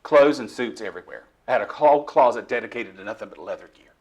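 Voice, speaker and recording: Middle-aged male preacher, testimony sermon in church, mid-pitched, moves from near-whispers to forceful bursts. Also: animated, fast talker, breathy edge. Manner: dramatic swings between soft hushed lines and loud emphatic ones.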